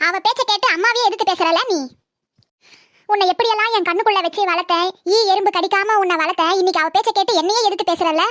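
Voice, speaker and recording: A bossy old mother-in-law, played by someone in a comedy skit with a shrill, very high voice. She nags and rattles off her complaints at a rapid clip. The sound is close and dry. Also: bright, forceful tone, dry recording. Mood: wounded.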